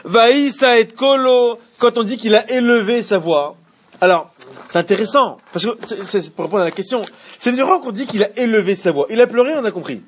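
Un homme qui donne un cours de Torah de façon animée et pose des questions à ses élèves. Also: male voice, sits high, brisk, muffled recording, slight background noise. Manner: animated, asks the class questions. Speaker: Torah teacher. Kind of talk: Torah class.

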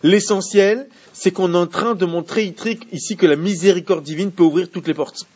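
Un homme qui donne un cours de Torah de façon animée et pose des questions à ses élèves. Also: male voice, high-pitched, moderate pace, breathy edge, lo-fi sound. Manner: animated, asks the class questions. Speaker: Torah teacher. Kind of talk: Torah class.

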